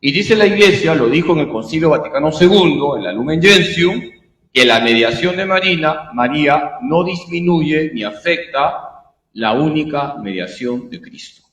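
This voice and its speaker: A priest teaching a catechism class in a lively, swooping voice. His speech is fairly high for a man and asks questions only to answer them himself. The sound is roomy, with a long hall reverb trailing behind each phrase. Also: moderate pace. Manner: animated, rhetorical questions and answers.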